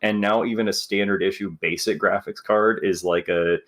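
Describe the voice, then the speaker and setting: A man's voice: sits low, steady tone, normal speed, fairly bright tone. A man, a game developer, chatting casually on a live stream and telling stories with acted-out quotes.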